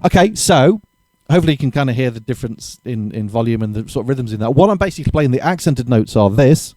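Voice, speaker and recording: A man giving a casual drum lesson, chatty and relaxed, correcting himself and counting beats aloud, with drums played between his explanations. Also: medium pitch, fast talker, noisy background. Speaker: drum teacher. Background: drumming between explanations.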